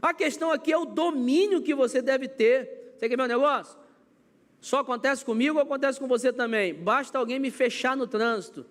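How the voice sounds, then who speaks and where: A man's voice: very high voice, fairly quick, fairly bright tone. A Brazilian man preaching as a pastor, acting out everyday scenes with quoted voices in a church. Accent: Brazilian Portuguese. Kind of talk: sermon. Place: church sanctuary. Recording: long church hall reverb.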